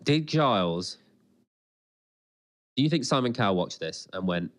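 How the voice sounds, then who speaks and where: Talking a little slowly in a lowish voice, another podcast co-host riffs on a TV episode. His manner is casual, excitable and jokey, and he rambles as he goes.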